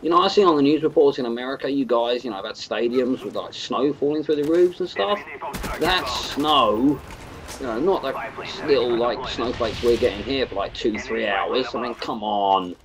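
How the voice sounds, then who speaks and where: A man's voice: medium pitch, moderate pace, a crowd in the background, poor audio. A young British man giving casual, rambling commentary over his own gameplay, sarcastic about players who camp. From United Kingdom. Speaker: gaming commentator. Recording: game gunfire underneath.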